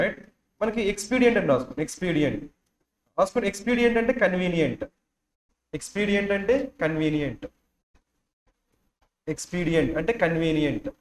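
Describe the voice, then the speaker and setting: A man's voice: sits high, roomy sound. A male teacher giving a classroom vocabulary lesson, drilling words and asking students again and again to repeat and write them down.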